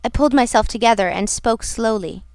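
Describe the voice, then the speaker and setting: A woman reading a classic novel aloud as an audiobook narrator, in a measured, somber manner. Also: on the high side, dry recording. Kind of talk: scripted narration.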